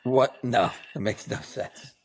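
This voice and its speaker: A man's voice: mid-range voice, slow, slight background noise. A man chatting on a podcast over a laptop call, given to wry, dismissive quips. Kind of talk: casual chat. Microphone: laptop camera mic.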